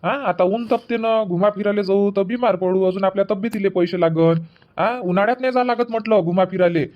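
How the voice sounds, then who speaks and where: This man's high voice runs a little fast, natural in delivery, though the audio is dull. He's dubbing a Marathi comedy cartoon as a laid-back young husband, coaxing his wife with reassurances and one excuse after another.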